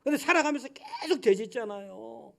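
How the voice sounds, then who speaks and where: A man preaching a Sunday sermon as senior pastor, acting out little scenes and swinging from loud calls to quiet asides. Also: very high-pitched, animated, brisk, vocal fry. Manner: dramatic, swinging from loud shouts to soft asides.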